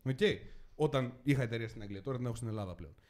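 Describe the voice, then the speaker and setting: A young man from Greece hosting a casual podcast, telling a story and acting out the dialogue. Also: medium pitch. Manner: animated, acts out dialogue in the story. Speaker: podcast host.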